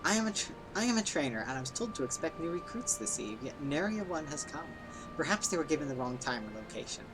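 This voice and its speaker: A man's voice: on the high side, big pitch swings, quick pace, over music, poor audio. A man voicing a formal female snake-woman warrior trainer from a video game, in stately archaic phrasing. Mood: formal, commanding.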